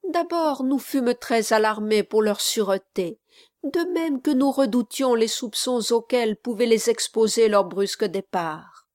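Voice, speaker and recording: A woman narrating a classic novel as an audiobook, with measured, even storytelling. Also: a little high, no room sound, studio quality.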